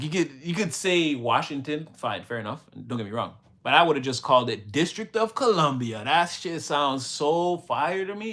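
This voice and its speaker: A man from Montreal, Canada, hosts a casual livestream in a fairly high, fairly bright voice. He rambles in slangy fashion and laughs often while responding to his chat.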